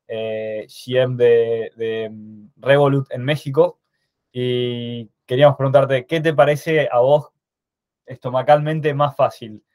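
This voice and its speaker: A man's voice: mid-range voice, darkish tone, smooth. A man with an Argentine accent hosting a podcast interview, asking questions hesitantly with many restarts. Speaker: podcast host.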